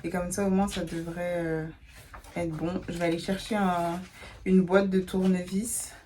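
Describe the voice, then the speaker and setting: A woman's voice: fairly low pitch, a little mellow, slight background noise, rough recording. A young woman chatting casually in a home vlog from her bedroom, slangy and self-mocking. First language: not English. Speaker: vlogger.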